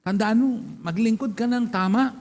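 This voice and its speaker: A man's voice: very high voice, moderate pace, a little mellow. A man preaching a sermon as pastor, throwing questions and calls of praise to the congregation. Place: church hall. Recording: long church reverb.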